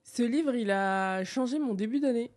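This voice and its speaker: A woman co-hosting a podcast, her voice mellow and warm. She explains at a measured pace, pausing often on hesitant fillers. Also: on the high side. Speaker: podcast co-host. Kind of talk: casual conversation.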